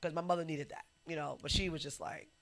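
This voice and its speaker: A woman hosting a podcast, chatting casually and telling lively stories that she acts out, sometimes dropping to a whisper. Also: low-pitched, quick pace, vocal fry. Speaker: podcast host. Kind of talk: casual chat and storytelling.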